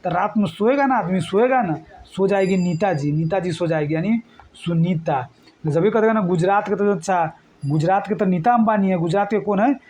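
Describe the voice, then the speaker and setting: A man teaches a current affairs lesson for exam preparation, repeating memory tricks, coaxing his students along and calling them friends. His voice sits high, with a darkish tone and a moderate pace, over slight background noise.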